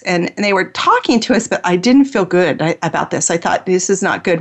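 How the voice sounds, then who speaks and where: A woman who hosts a spiritual healing radio show, telling a personal story in an earnest, heartfelt way. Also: medium pitch.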